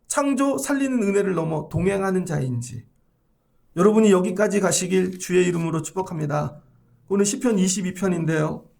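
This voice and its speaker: Dramatic high-voiced male pastor preaching. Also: vocal fry. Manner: dramatic, acts out quoted voices with big swings in pitch and loudness. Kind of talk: sermon.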